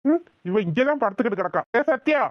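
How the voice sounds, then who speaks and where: A woman voicing a short-tempered young man in a cartoon, yelling and scolding everyone around him. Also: on the high side, lively intonation, quick pace, dry recording, natural voice. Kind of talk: cartoon voice acting. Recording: dull dry studio recording.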